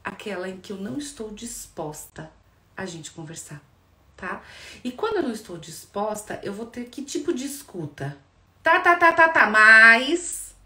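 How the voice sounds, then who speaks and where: Woman, Brazilian accent, psychologist, lively explanatory talk, echoey room. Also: mid-range voice, normal speed. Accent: Brazilian Portuguese. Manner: lively, addresses listeners directly with frequent checks. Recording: echoey room with faint background noise.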